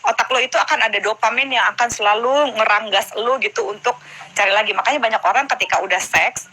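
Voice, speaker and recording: In a casual live stream chat, a guest who is mother to a teenage daughter explains things frankly and acts out conversations with her. Her voice sits on the high side, fast and sharp-toned, and the low-quality recording carries a little hiss or hum.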